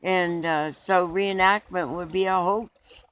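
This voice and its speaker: A man's voice: high voice, steady tone, takes it slowly, fairly bright tone, slight background noise, low-quality recording. A man being interviewed in a mock documentary, talking in an earnest, rambling way with restarts.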